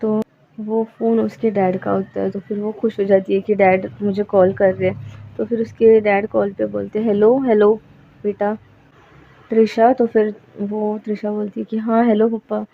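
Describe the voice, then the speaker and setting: A woman's voice: medium pitch, flat delivery, moderate pace, gravelly, a little hiss or hum. A woman casually narrating a story aloud, retelling each character's words in a chatty, conversational way. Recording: phone-like narrow sound.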